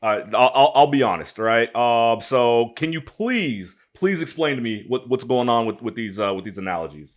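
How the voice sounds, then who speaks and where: A podcast co-host from Detroit, USA, chats casually on a talk show, rambling with many restarts and fillers. His medium-pitched voice is expressive, at a moderate pace with few pauses.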